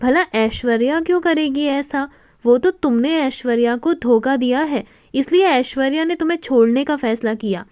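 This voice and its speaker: A woman's voice: high-pitched, moderate pace, darkish tone, dry recording, studio quality, lightly acted. A woman reading a worried mother-in-law. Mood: concerned. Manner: anxious, questioning. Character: worried middle-aged mother-in-law, caring.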